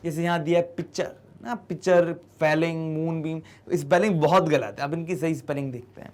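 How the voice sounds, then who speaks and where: A man's voice: a little high, steady tone, a little mellow. Indian man teaching English in Hindi. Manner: mixes Hindi explanation with slow read-out English; asks and answers his own questions. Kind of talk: classroom lesson explaining an exercise.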